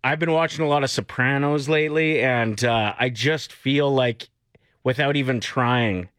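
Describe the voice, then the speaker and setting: A man's voice: medium pitch, moderate pace, fairly bright tone, smooth, no room sound, clean studio sound. A man in his forties co-hosting a morning radio show, talking in an easygoing, wry way. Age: 40s. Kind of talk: casual chat.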